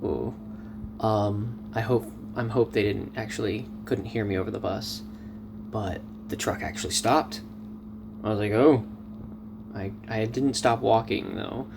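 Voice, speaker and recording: A man's voice: lowish voice, unhurried, creaky. Chatty man vlogging over street noise. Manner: chatty, animated storytelling with excited outbursts. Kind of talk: casual vlog chat.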